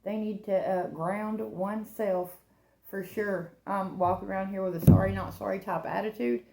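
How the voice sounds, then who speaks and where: A woman's voice: mid-range voice, steady tone, moderate pace, vocal fry, dark tone, roomy sound, slight background noise, poor audio. A woman hosting a casual tarot reading for her channel, rambling and chatting, often laughing at herself. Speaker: tarot reader and channel host.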